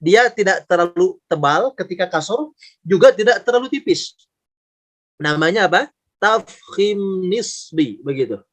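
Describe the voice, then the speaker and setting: A man teaching a Quran recitation class online, patient and step by step, slowly sounding out each letter and repeating examples. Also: high-pitched, expressive. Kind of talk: online tajweed lesson. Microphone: video call.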